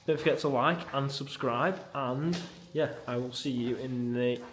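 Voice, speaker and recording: In this casual walk-through vlog, the farmer's voice is mid-range and a touch slow as he chats loosely with plenty of fillers. He explains his work in the milking parlour into a handheld camera mic, while loud machinery keeps running in the background.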